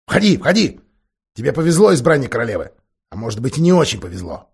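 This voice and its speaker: A man voicing a huge, menacing grey wolf guard in an audiobook, gruff and threatening. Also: medium pitch, sing-song, fast, full character voice. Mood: mocking. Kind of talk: audiobook character voice.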